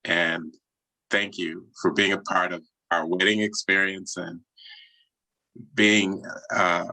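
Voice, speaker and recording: A man speaking slowly and earnestly, giving a heartfelt tribute over a video call. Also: deep voice, pushed and bright, dry recording, poor audio. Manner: slow, deliberate and earnest. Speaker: presenter.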